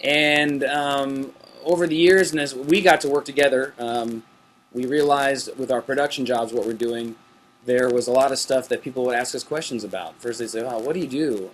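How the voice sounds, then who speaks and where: A man's voice: mid-range voice, normal speed. A middle-aged man hosting a casual backstage webcast, reading out viewer questions in an easygoing, chatty way and laughing between them. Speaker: webcast host.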